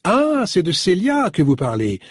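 A man's voice: sits high, wildly swooping pitch, unhurried, husky, no room sound, clean studio sound, pitched above the performer's own voice, heavily acted. A man reading an audiobook, voicing a chatty, rambling woman on the phone. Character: chatty contralto-voiced woman employer. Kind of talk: audiobook character voice.

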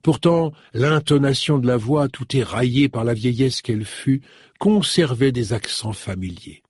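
A man narrating an audiobook chapter in an expressive, storytelling manner. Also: mid-range voice, a little slow, husky, dry recording, studio quality. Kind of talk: scripted narration.

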